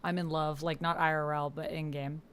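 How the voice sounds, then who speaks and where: A woman whose voice sits low streams a text roleplay game, speaking at normal speed with a flat delivery. She mutters to herself and reacts aloud while reading and typing, and keyboard noise runs under the recording.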